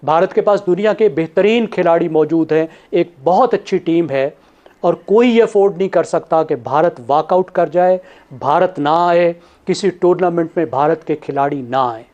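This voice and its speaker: A man, a TV analyst laying out his points one by one in a measured way. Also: fairly high pitch, darkish tone, muffled recording. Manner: measured, lists points in order. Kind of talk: studio analysis.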